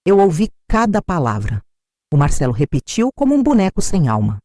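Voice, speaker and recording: An older woman with a Brazilian accent narrates a dramatic first-person story. Her low, mellow voice swings widely in pitch as she stresses each moment. The recording is dry and close. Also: huge pitch swings, brisk, dry recording. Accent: Brazilian Portuguese. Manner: dramatic, tense, emphatic.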